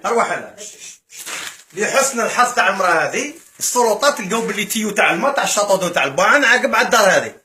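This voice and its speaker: A man's voice: sits high, very fast. A man with an Algerian Arabic accent vlogs a charity visit. He speaks eagerly, thanks the donors and comments on what he is showing. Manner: excited, thanks donors, gives running commentary. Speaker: vlogger filming a charity visit. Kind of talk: casual to-camera talk. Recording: echoey room with faint noise.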